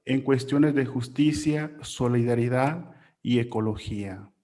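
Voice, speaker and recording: A man reading a prepared report aloud at a workshop. His delivery is measured and formal, in a voice of ordinary middle pitch. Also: warm tone. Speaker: workshop presenter.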